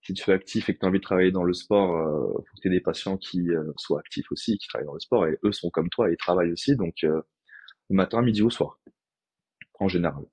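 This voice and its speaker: A man's voice: low voice, fast talker, a little mellow, husky, dry recording. A man, a physiotherapist guest on a podcast, explaining his practice step by step in a casual, thinking-aloud way.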